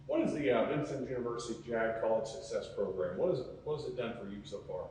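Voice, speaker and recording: A man presenting an unscripted campus tour and interviewing as he goes, with a halting delivery that repeats words. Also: mid-range voice, animated, darkish tone. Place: echoey indoor campus building. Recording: very echoey, distant mic, noisy ambience.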